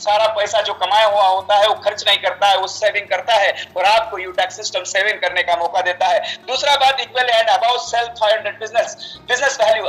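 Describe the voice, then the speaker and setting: Guy doing a sales pitch over slides, keeps calling everyone "friends", mixes in english bits, repeats himself a lot. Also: fairly bright tone, rough recording. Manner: repeats and restarts words. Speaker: network marketing promoter. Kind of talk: slide-deck sales presentation.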